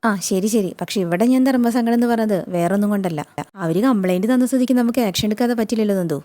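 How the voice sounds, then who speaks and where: Fast-talking woman recapping a serial. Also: medium pitch, mellow. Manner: rapid chatty retelling with frequent tag words. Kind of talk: retelling a TV serial episode.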